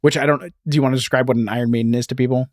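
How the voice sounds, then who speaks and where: With fairly even intonation and a racing delivery, a man whose voice sits at medium pitch hosts a podcast about film and history. He explains things informally and digressively, tossing in many asides. The audio is clean studio sound without echo.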